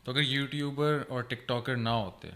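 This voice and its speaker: A man interviewing his guests, measured as he steers the conversation back to his question. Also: medium pitch, steady tone, pushed and bright.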